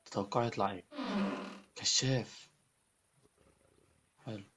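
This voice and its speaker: Man, egyptian arabic accent, gaming commentary, excitable, repeats himself, lowish voice. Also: measured pace, noisy background. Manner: excitable, repeats words and phrases. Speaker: gaming YouTuber. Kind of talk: Let's Play commentary.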